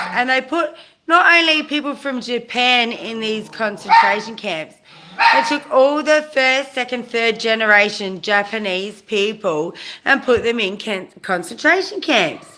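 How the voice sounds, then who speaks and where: A woman in her forties with a South Australian accent hosts a chatty live-stream rant. Her voice sits a little high and rings sharp and bright. She rambles, catches her own slips and breaks off to greet viewers. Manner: animated, rambling, self-correcting, greets viewers mid-sentence.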